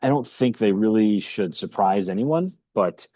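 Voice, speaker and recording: Low voiced guy talking through a report, measured, lots of hesitant pauses, dry sound. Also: animated, mellow, no echo. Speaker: commentator. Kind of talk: informal explanatory commentary on a report.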